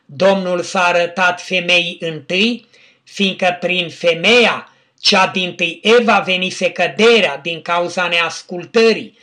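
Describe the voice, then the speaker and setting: A man delivers a sermon in a measured, deliberate reading voice, quoting scripture and naming its verses. His voice sits high and sounds bright and clear. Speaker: preacher. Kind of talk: religious teaching with scripture reading.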